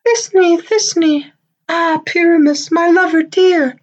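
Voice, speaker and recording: Tiny monster squeak, very high falsetto, cooing lovelorn lady, overwrought stage comedy, dull recording. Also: takes it slowly. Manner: theatrical, cooing, overwrought lover. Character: Bottom playing Thisbe in a monstrous little voice. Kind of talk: Shakespearean comedy acting.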